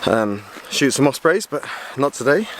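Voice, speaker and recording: A man's voice: medium pitch, sing-song, normal speed, fairly bright tone, slight background noise. A man chatting casually on a travel vlog, laughing at himself, filmed outdoors and in a car. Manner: chatty, self-mocking, laughs often. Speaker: vlogger.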